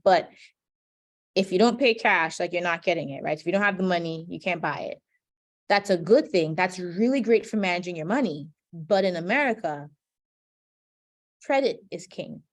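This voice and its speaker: Presenter: woman from Trinidad, webinar host voice, explanatory, frequent "right?", video-call audio. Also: mid-range voice. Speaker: financial educator.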